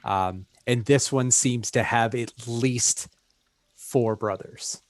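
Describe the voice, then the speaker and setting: A man narrating as game master, unhurried and full of fillers. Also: medium pitch, no echo.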